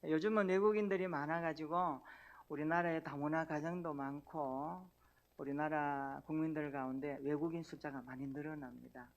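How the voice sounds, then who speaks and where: A man's voice: fairly high pitch, steady tone, moderate pace. A male pastor preaching a sermon in a church, folksy and joking with the congregation. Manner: folksy, tells jokes and invites the congregation. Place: church sanctuary.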